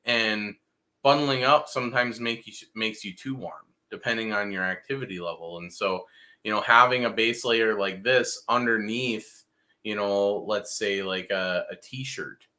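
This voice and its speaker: Male co-host, low-pitched but bright voice, easygoing livestream chat. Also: unhurried. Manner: relaxed, conversational, frequent "you know". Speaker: co-host of a fishing show. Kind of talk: casual gear chat on a livestream.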